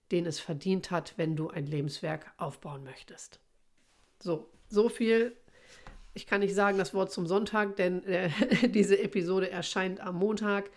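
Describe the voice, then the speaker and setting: Woman, children's author, podcast host, fairly low voice, thoughtful, casual. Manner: thoughtful, with fillers.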